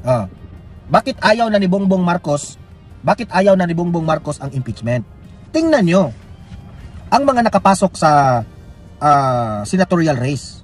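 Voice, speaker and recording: A Filipino man delivers fiery political commentary in a high, excitable voice that leaps up and down as he mocks and needles. Faint music runs under his talk. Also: unhurried, long pauses. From Philippines. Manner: heated, mocking, pushes viewers to like and share. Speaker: news commentary vlogger.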